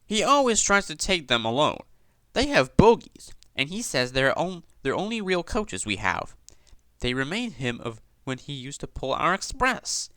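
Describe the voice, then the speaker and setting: A man's voice: a little high, very animated, normal speed, pushed and bright, no echo. A man voicing a cheerful, polite young male engine in a storybook reading, chatty and earnest.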